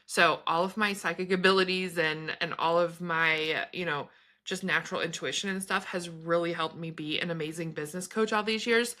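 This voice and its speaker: A woman's voice: lowish voice, sharp tone. A woman in her thirties chatting casually to camera about her spiritual experiences, meandering and laughing between thoughts. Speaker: spiritual vlogger and business coach.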